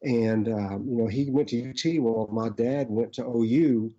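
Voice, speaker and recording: A middle-aged man with an Arkansas accent, casually reminiscing as an interview guest in a rambling, halting way. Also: mid-range voice, mellow. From Arkansas, United States. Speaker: actor, podcast guest. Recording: dull, lo-fi audio.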